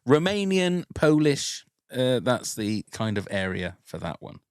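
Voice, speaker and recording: A man hosting a casual podcast quiz, playful and quick to laugh. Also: medium pitch, big pitch swings, no echo, studio quality. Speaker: podcast host running a quiz.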